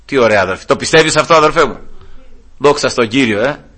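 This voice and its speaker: Bright-voiced fervent male preacher. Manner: fervent, rising to high emphatic pleas then dropping low; retells scripture dialogue with voiced quotes. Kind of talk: sermon.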